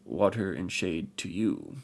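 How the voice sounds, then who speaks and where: A man voicing an ancient armored warrior emperor, speaking formally and gravely in a rich voice. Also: deep voice, sing-song, slow, heavily acted. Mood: weary. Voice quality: rich voice with an unfamiliar accent.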